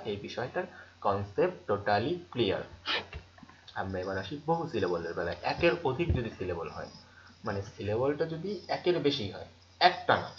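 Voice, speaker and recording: Bengali-accented man teaching English grammar. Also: medium pitch. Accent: Bangladeshi Bengali. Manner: explains step by step, repeating words and spelling letters out; asks and answers his own questions. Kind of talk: online grammar lesson. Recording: slightly dull, faint noise.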